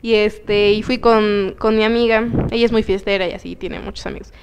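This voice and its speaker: A young Mexican woman co-hosting a chat show, telling a story in an animated, slangy, playful way. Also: medium pitch, brisk, noisy background. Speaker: co-host. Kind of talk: casual chat.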